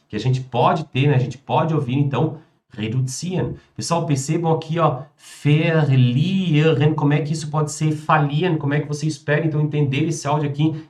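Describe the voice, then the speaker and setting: A man with a Brazilian Portuguese accent teaching German in a live online lesson. He repeats German words slowly and clearly and keeps checking in with "tá?" and "né?". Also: a little high. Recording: roomy echo.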